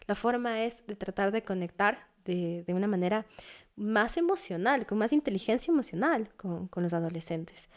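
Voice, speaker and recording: A woman's voice: mid-range voice, lively intonation, moderate pace. Earnest woman psychologist giving advice. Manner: earnest, advising, acts out parent and teen voices. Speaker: psychologist guest. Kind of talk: casual interview talk.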